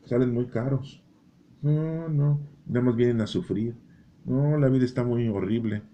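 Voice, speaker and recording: A man's voice: medium pitch, measured pace, dark tone, highs cut off, a little hiss or hum, natural voice. A man voicing an exasperated woman who complains about why she refuses to have children. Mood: fretful complaining.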